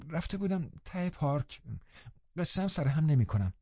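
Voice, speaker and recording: A man voicing a young woman who speaks softly and tearfully, apologetic and hushed, in an audiobook reading. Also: fairly high pitch, big pitch swings, slightly rough, no room sound, muffled recording, pitched above the performer's own voice. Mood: evasive.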